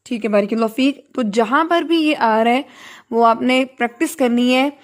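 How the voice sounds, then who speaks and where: A woman teaching Quran recitation online, patiently correcting students and chanting verses to show how they should sound. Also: fairly high pitch.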